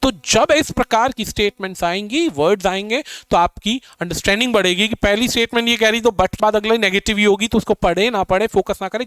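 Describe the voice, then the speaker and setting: A man's voice: high voice, fairly bright tone, no room sound. A male teacher giving an exam-prep lecture, talking straight to his students and acting out their doubts. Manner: addresses students directly, acts out their doubts in quotes.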